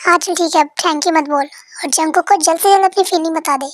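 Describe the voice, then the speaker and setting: A woman voicing a supportive young male best friend in a fan-dubbed story, calm and reassuring. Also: very high voice, brisk, dry recording. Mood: encouraging.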